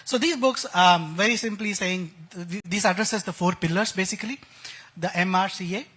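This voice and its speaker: An enthusiastic expert guest with an Indian accent fills his conference-stage interview with analogies and technical jargon as he explains technical ideas. His high voice has a fairly bright tone with a breathy edge and moves at normal speed.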